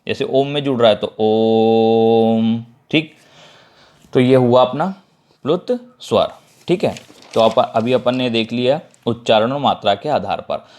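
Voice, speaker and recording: A man's voice: mid-range voice, normal speed. Patient man teaching a grammar class. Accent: Madhya Pradesh Hindi. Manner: explains step by step, repeats key terms, checks with "theek hai". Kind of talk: Hindi grammar lesson.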